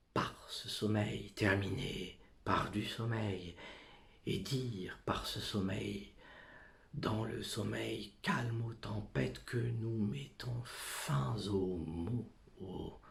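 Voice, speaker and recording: A man performing an anguished, brooding tragic figure in a theatrical monologue, halting and fragmented, moving between whispers and outbursts. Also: lowish voice, gravelly, fairly bright tone, echoey room, exaggerated voice. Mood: brooding, hushed.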